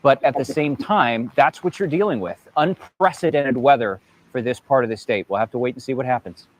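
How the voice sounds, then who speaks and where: A man's voice: medium pitch, a little fast, slight background noise, low-quality recording. A man delivers a live field report on severe weather. He speaks emphatically but conversationally, in a mid-range voice, explaining things as a TV reporter on the scene. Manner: emphatic, conversational, punctuates with rhetorical "right?". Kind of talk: live storm news report. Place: outdoors in wind and light rain.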